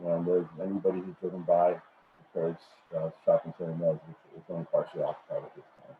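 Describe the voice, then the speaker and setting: A very low-voiced middle-aged man presents a project at a public meeting, his voice muffled as if it came through a wall. The sound is thin and phone-like, with faint noise under it, and he keeps stopping on ums and repeated words. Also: level tone, fast talker. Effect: muffled, as if heard through a wall. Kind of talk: formal presentation over a video call. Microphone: computer microphone on a video call.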